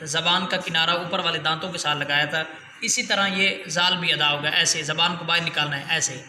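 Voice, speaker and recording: A male Quran teacher with a fairly high, very bright voice explains letter sounds with patience. He stretches each letter slowly as a model for his student. The sound is roomy, with a long reverb trailing his words. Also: fairly even intonation, a little hiss or hum. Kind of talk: spoken lesson with letter drills. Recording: echoey room with long reverb.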